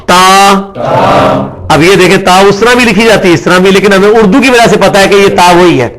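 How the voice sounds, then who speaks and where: A man's voice: sits high, fairly bright tone. A man giving a classroom lecture as a religious teacher, explaining patiently and often checking in with his listeners. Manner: mixes English words into his speech.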